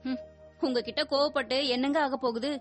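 A woman's voice: high voice, fairly even intonation, moderate pace, faint music behind, lightly acted. An actress playing a young wife and mother who scolds her husband with teasing reproach. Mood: reproachful. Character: warm but sharp-tongued young wife and mother.

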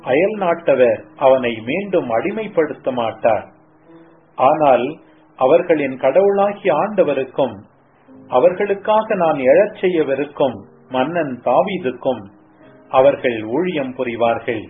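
A man reading the words of the Lord in a slow, solemn scripture reading. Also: fairly high pitch, animated, a little hiss or hum. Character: solemn divine male voice of the Lord. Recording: tinny phone-like sound, faint music.

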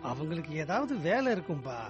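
An actor playing a kind, patient family driver and husband, speaking softly and gently with a husky voice. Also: male voice, fairly high pitch, sing-song, a little fast, lo-fi sound, over music.

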